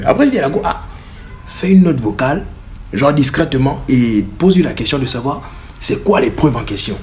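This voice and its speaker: A young man telling a funny personal story in a casual vlog, animated and laughing often. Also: medium pitch, a little hiss or hum.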